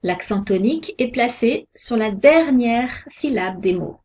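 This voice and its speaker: A woman giving a scripted pronunciation lesson, sounding out each example word slowly and carefully. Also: on the high side, expressive, darkish tone, slightly rough. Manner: slow, careful, deliberate articulation of example words. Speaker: French pronunciation teacher. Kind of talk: slow scripted lesson narration. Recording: dull lo-fi recording.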